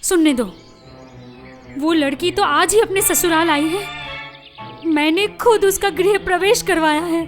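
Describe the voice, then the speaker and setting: A woman's voice: very high voice, a little slow, pauses often. An actress dubbing a devout young village wife who pleads with and defies her husband, in a film scene with music behind. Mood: pleading, defiant. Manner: pleading, insistent. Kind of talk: Hindi film dub acting.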